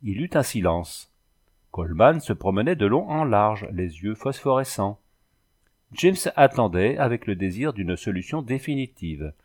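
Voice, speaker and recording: Expressive low-voiced male narrator. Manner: expressive, animated reading. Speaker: audiobook narrator. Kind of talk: literary audiobook narration.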